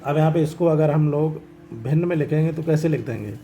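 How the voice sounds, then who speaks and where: A man's voice: a little high, fairly quick, warm tone, slight background noise, poor audio. Man teaching maths step by step. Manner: explains step by step, asks checking questions. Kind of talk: classroom lesson explaining decimals.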